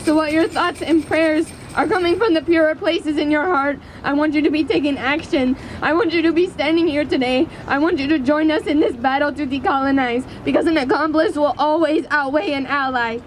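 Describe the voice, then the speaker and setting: Woman activist doing a rally speech outside, really high voice, earnest n deliberate, traffic n city noise behind her. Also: steady tone. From Canada. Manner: earnest, impassioned, deliberate oratory. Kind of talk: prepared public speech. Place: outdoors in a city square. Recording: outdoor public square with city traffic noise.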